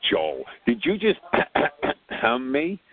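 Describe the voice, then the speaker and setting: This man on the phone has a mid-range voice that swings hugely in pitch, and he draws his words out. As the tech support lead on a conference call, he rambles through a casual technical briefing with repeated words, and the line sounds tinny.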